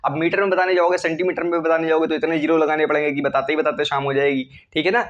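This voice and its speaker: A man's voice: on the high side, little pitch movement, rapid-fire, muffled recording. A male chemistry teacher lecturing students in speech, often asking a question and answering it himself. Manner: asks and answers his own questions. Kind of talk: classroom lecture.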